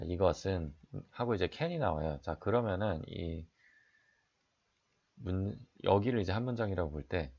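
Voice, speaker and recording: Low gravelly man teaching English. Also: a little mellow, dull audio. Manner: explains sentence by sentence, reads English then translates; frequent "자" fillers, asks and answers own questions. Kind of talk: exam prep lecture.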